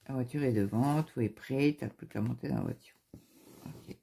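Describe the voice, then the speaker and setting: Young female vlogger, casual storyteller who keeps quoting what people said, husky and dark-toned. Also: extremely low pitch, normal speed. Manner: retells events through quoted dialogue, with frequent fillers and restarts. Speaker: craft vlogger. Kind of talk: casual chat, telling a personal story.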